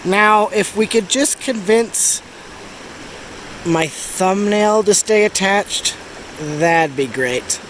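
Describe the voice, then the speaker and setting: A man records a casual travel vlog outdoors beside a babbling creek, with faint water and breeze noise around him. His voice sits a little high for a man and he takes his time. The delivery is laid-back, with dry, understated humour. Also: slow pace, a bit bright, poor audio. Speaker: travel vlogger. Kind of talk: casual trip update. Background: running stream water.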